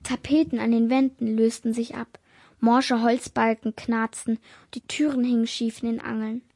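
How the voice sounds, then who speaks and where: A woman narrating an audiobook in a hushed, suspenseful way, now and then dropping to a whisper. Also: on the high side, flat delivery, moderate pace.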